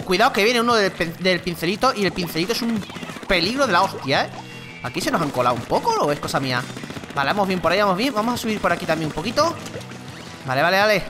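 Spain spanish accent gamer, super animated voice, game music going behind. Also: mid-range voice. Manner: excitable, chatty, exclaims and laughs during play. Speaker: gaming channel host. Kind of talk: gameplay commentary.

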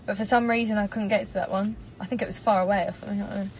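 A woman's voice: mid-range voice, steady tone, racing, slight background noise, low-quality recording. Bubbly English woman chatting in a car. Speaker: singer doing a live stream. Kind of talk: casual live-stream chat reading comments. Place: parked car. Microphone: phone propped up in front.

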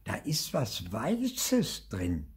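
An eager, curious young boy ghost asks question after question in a raised, bouncy voice, as an older man reads him aloud. The tone stays husky and unhurried. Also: mid-range voice, huge pitch swings, voice pushed up, full character voice.

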